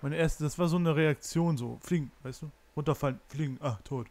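A man's voice: on the high side, brisk, darkish tone. A man giving casual gameplay commentary as a Let's Play host, muttering, cursing and stumbling as he reads in-game signs.

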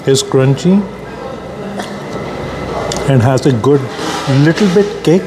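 A man casually reviewing food for a vlog, talking while chewing, with unhurried, matter-of-fact tasting comments. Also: medium pitch, lively intonation, noisy background.

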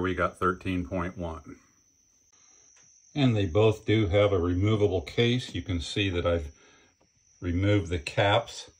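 An older man talks through a hands-on gear review at his indoor workbench. His voice sits low and a little husky, and he speaks in a relaxed, plain way with fillers. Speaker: channel host reviewing batteries. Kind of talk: casual hands-on product review.

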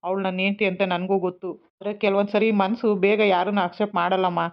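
A woman playing a curt young husband and son who brushes people off with quick, brusque retorts, for an amateur family skit. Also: medium pitch, little pitch movement, natural voice. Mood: reassuring. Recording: slightly dull lo-fi sound.

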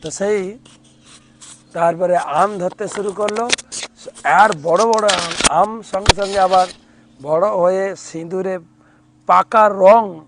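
A male monk giving a devotional sermon, retelling a sacred story in vivid, unhurried detail. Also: high-pitched, noisy background. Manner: breaks into call-and-response chanting. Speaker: monk preacher.

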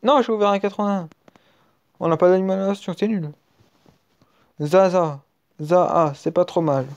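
Excitable French gamer, mellow voice. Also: male voice, high-pitched, normal speed, highs cut off. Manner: excitable, trailing off to mutters between outbursts. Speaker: gaming video creator. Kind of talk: casual live commentary while opening card packs. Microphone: screen-recording app mic.

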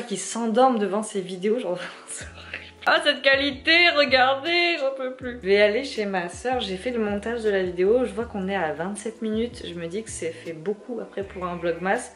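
A young woman with a soft, sleepy voice chatting casually at home in her vlog, swearing freely. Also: mid-range voice. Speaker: vlogger.

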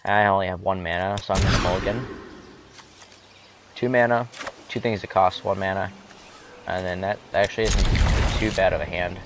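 Low-voiced young man, gameplay commentary. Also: moderate pace, long pauses, noisy background. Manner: relaxed, wry, thinking aloud with fillers. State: hiccups. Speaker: gamer. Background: loud music.

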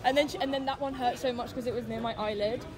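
A woman's voice: fairly high pitch, fairly even intonation, fast. Chatty young woman vlogging. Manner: chatty, storytelling, playful. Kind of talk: casual vlog chat. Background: crowd chatter.

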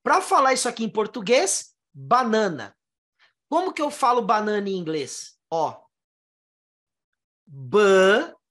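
A fairly high-pitched teacher from Brazil walks her students through English vowel sounds. Her voice swings widely in pitch as she sounds out words syllable by syllable. She keeps asking the class questions to hold their attention. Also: very animated, a bit bright. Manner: explains step by step, sounding out syllables slowly; asks the listener rhetorical questions. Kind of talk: classroom lesson explaining pronunciation.

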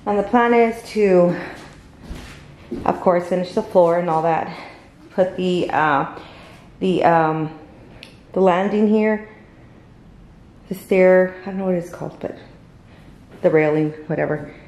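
A woman's voice: lowish voice, takes it slowly, long pauses, darkish tone, rough recording. A woman talking casually to her camera in a home vlog. She rambles, restarts sentences and searches for words as she goes. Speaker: vlogger. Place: at home, then in a car.

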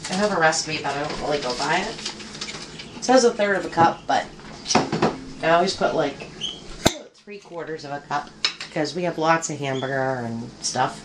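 A middle-aged woman walks through a recipe in her home kitchen as a casual cooking demo, chatty and joking and rambling with plenty of ums. Her voice sits low at normal speed with long pauses. A nearby handheld camera mic picks up heavy background noise as pans and cutlery clatter.

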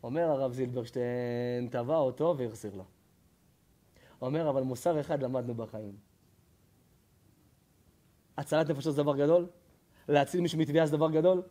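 A man, a rabbi, teaching a Torah lesson as a lively storytelling sermon. He asks the audience questions and answers them himself, and he swings between loud exclaiming and hushed, low asides. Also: pauses often.

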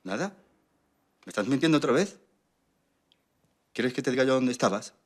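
A man's voice: mid-range voice, animated, moderate pace, natural voice. An actor playing a violent, abusive middle-aged father in a film drama, menacing one moment and screaming in rage the next.

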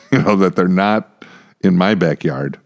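A middle-aged American man, a church pastor, co-hosts a casual Bible discussion podcast, chatting away while halting and repeating words. His voice sits low with vocal fry, captured on a close podcast microphone with headphones in a small indoor room lined with acoustic panels.

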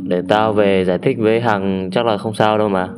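A man voicing a proud teenage schoolboy who stammers excuses and talks gruffly with friends. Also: lowish voice, fairly even intonation, a little fast, over music, close to an everyday voice. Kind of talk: amateur voice acting for a game drama.

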